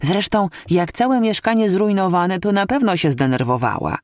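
Brief: prying, chattering old busybody, put on by the reader, high and lively. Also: normal speed, no echo, clean studio sound, natural voice. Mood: gossiping. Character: nosy elderly woman, gossiping neighbour.

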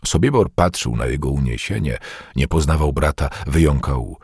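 A man narrating an audiobook of a historical novel in a calm, measured way. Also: extremely low pitch, slightly rough, no room sound, studio quality.

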